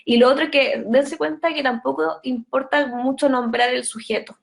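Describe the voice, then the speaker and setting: A woman's voice: high voice, steady tone, normal speed, vocal fry. A young woman with a Chilean Spanish accent teaching English grammar in an online class, patient and explanatory, checking often for understanding.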